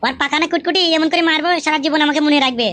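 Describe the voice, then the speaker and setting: A touchy young son-in-law, voiced by a woman grumbles and swears at high speed. The voice stays high and bright throughout. It is a comic village skit. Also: very fast, dry recording. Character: hot-tempered young son-in-law, man.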